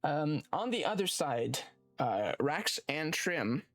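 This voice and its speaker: A man's voice: on the high side, very animated, fairly bright tone, no room sound. A man running a tabletop game as game master, narrating with many fillers and restarts. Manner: halting, lots of fillers and restarts.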